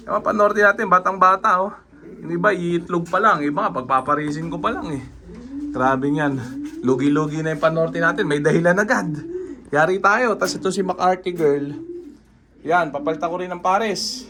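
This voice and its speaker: A man casually walking viewers through his pigeon loft as a breeder, pointing out birds with quick asides. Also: on the high side. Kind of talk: casual vlog walkthrough. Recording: noisy loft with pigeons cooing.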